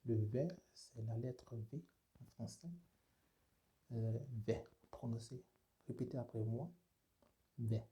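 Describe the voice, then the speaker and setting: Homme lent, voix très sombre, professeur. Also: male voice, mid-range voice, steady tone, slow pace, pauses often, warm tone, lo-fi sound. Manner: repeats sounds for learners to echo, many "euh" fillers. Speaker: language teacher. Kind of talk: slow spoken language lesson.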